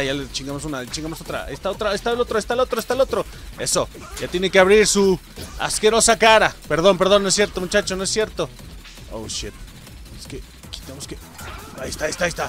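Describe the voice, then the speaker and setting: A young Mexican-accented man, high-pitched and brightly tense in tone, narrates his gameplay in a casual, excitable way. His voice leaps around in pitch as he yells and swears at the game. Faint game music plays behind him. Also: vocal fry. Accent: Mexican Spanish. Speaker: gaming streamer.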